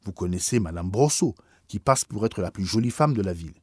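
A man reading a memoir aloud in measured scripted narration, lightly voicing the dialogue. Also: lowish voice, animated, a little mellow, slightly rough, no room sound, clean studio sound. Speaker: audiobook reader.

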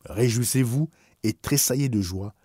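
A man reading a memoir aloud in measured scripted narration, lightly voicing the dialogue. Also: mid-range voice, warm tone, breathy edge, dry recording, studio quality. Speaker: audiobook reader.

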